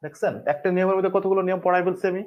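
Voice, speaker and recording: A man with a Bangladeshi Bengali accent teaches an exam-prep grammar lesson, drilling spellings and answering his own questions. His voice sits high for a man. The audio is a bit dull and lo-fi. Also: little pitch movement, very fast, slight background noise.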